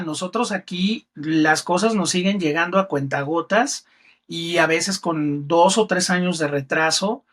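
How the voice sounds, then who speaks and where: A middle-aged man with a Mexican accent, a film critic talking as a guest in a podcast interview and telling stories expressively. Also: high-pitched. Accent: Mexican Spanish. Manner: expressive storyteller who acts out quotes in other voices.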